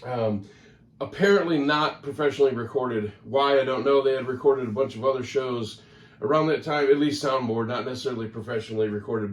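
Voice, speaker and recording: A man with a mid-range voice talks casually, looping and self-correcting. The recording is roomy, with the mic some distance off. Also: mid-range voice. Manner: rambling, chatty, self-correcting. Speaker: record collector vlogger. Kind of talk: casual talk to camera.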